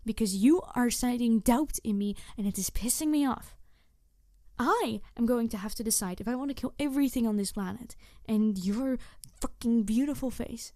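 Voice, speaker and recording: A voice actor plays a snarky, embittered yet idealistic female supervillain confronting her nemesis in an intense audio roleplay monologue aimed at the listener. Skeptical and conflicted, she sighs and shifts from emphatic to hushed, with a slightly high voice at a moderate pace. The recording is dry and the acting is light.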